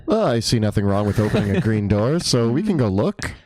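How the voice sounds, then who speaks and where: A man's voice: fairly low pitch, big pitch swings, brisk, darkish tone, no room sound. A man chatting casually as a player in a tabletop game.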